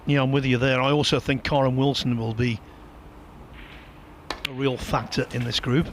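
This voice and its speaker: A man's voice: mid-range voice, fairly even intonation, normal speed. A man giving live commentary on a snooker match. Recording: light background noise.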